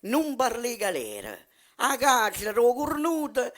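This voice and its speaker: Neapolitan man, notably high voice, unhurried recital of dialect proverbs. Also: wildly swooping pitch, noisy background. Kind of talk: reciting folk sayings in dialect.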